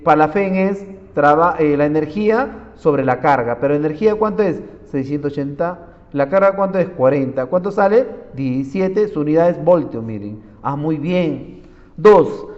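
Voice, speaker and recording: A man teaching a physics lesson, working through problems and quizzing his students as he goes. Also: high voice. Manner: keeps saying "miren", quizzing students. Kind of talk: classroom lecture solving problems. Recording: dull audio with long reverb.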